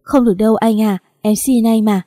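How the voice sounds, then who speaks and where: A woman's voice: on the high side, normal speed, warm tone, no echo, clean studio sound, natural voice. Woman voicing a pleading tearful wife. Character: desperate young wife, pleading and sobbing.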